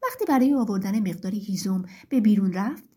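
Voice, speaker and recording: A woman narrating a children's story in an expressive storytelling manner. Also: mid-range voice, slightly rough.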